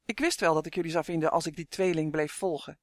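A man's voice: fairly high pitch, fairly even intonation, dry recording, studio quality, close to an everyday voice. Man doing a chatty, cheeky little elf. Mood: chattering. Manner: chattering, quick.

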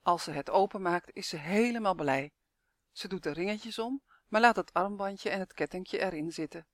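Expressive storybook narrator, dry sound. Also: mid-range voice, normal speed, no echo. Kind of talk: reading a children's story aloud.

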